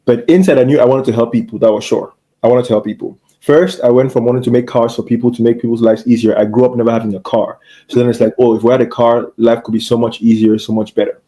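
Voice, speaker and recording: A man's voice: medium pitch, fairly even intonation, fast talker, mellow. A young man from Cameroon, a medical doctor, telling his story in an earnest, reflective way as an interview guest. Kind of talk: casual interview chat.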